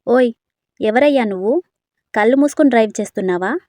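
A woman's voice: a little high, a little fast, a little mellow, no room sound, natural voice. A woman voicing a feisty young woman who scolds sharply. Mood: scolding.

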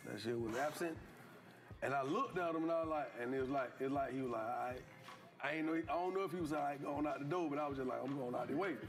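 A man's voice: on the high side, fast. A man telling a long, profane anecdote in casual talk, laughing often. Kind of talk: casual storytelling.

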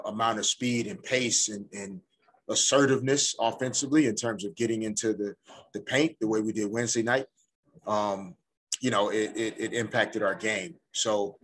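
A middle-aged head coach with a fairly low, fairly bright voice fields postgame questions in a measured, thoughtful manner, often pausing to find his words. He speaks into a desk microphone in front of him in an indoor press room before a sponsor backdrop.

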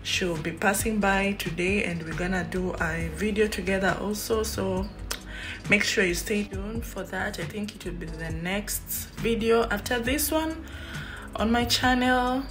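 Speaking in a mid-range voice at a slightly slow pace, this young Kenyan YouTuber talks casually to the phone she holds at arm's length in a small room, with music in the background. Her Kenyan-accented vlog chat is rambling and filler-heavy, full of animated gestures.

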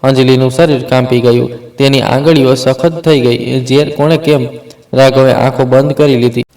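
A man's voice: mid-range voice, fairly even intonation, moderate pace, a little mellow, roomy sound, rough recording. A man narrating a family drama story, reading steadily and plainly with small slips.

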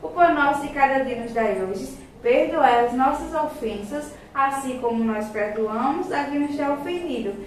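Speaking at a moderate pace and barely pausing, this young Brazilian-accented woman has a high-pitched voice as she teaches primary school children from a script. The setting is a small indoor classroom with tiles, so the recording echoes and carries background noise.

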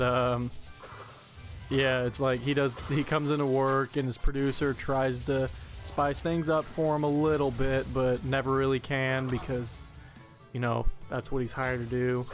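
A man's voice: mid-range voice, flat delivery, normal speed, faint music behind. A young man doing jokey, rambling let's-play commentary as channel host.

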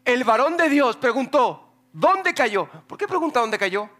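Male pastor, high voice, lively sermon, jokes and acts out scripture voices. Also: measured pace. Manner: animated, joking, acts out voices while reading scripture. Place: church.

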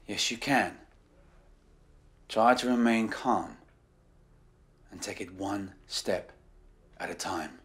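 An actor playing a composed male hypnotist who speaks slowly, soothingly and formally. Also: on the low side, a bit bright.

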